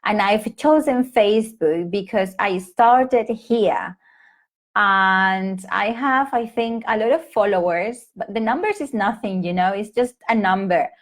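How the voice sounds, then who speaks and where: A Peruvian woman in her thirties with a Peruvian Spanish accent chats casually with English teachers on a home live stream, her speech full of fillers and restarts. Her voice is mid-range and a little slow, picked up by a laptop or phone mic.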